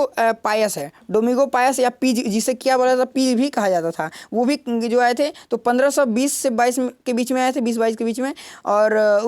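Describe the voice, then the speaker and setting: A man's voice: very high-pitched, clean tone. A young man teaching an exam-prep history lesson, explaining step by step, asking rhetorical questions and checking in with "ठीक है" again and again. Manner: explanatory, repeats "ठीक है" and "दोस्तों" constantly; builds memory tricks with rhetorical questions.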